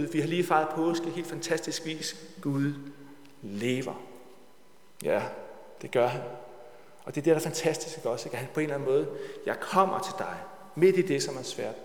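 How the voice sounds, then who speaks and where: A man preaches in a church, leaning hard on repeated phrases and moving from loud declarations to quiet, hushed lines. His voice rings through a large hall with a long, echoing reverb tail. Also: medium pitch. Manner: emphatic, repeats key phrases, swings between loud and hushed. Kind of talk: sermon.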